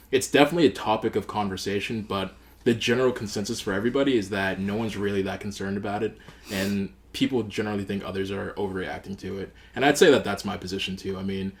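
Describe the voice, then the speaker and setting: A man's voice: lowish voice, fast. An American man talking casually as a co-host in a group podcast discussion.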